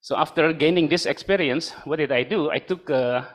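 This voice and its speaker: An older man from Indonesia giving a university lecture in a room, halting with many fillers and joking asides. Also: fairly high pitch. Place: lecture room with a live and online audience.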